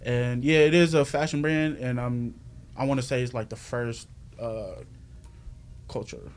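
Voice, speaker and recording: A man from the Bay Area in California, a guest on a casual podcast, talking about his fashion brand in a soft, unhurried way that trails off. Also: medium pitch, steady tone, slight background noise.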